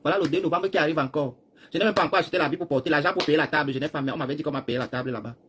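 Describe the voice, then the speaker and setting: A Cameroonian man rambling through a live stream, talking straight to his viewers and swinging between loud bursts and hushed asides while seated. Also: on the high side, racing, noisy background. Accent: Cameroonian French. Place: seated, chair.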